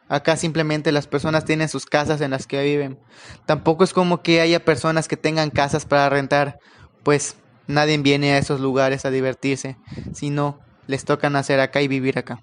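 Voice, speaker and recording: A man telling a first-person horror story, in a calm, unhurried manner with occasional pauses. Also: a little high, clear, resonant tone.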